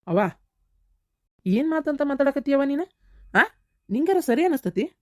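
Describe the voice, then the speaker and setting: A woman's voice: mid-range voice, quick pace, dark tone, no echo, clean studio sound, close to an everyday voice. A woman voicing a firm, reproachful young woman in a cartoon, with a North Karnataka Kannada accent. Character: level-headed young woman scolding her mother. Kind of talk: cartoon voice acting.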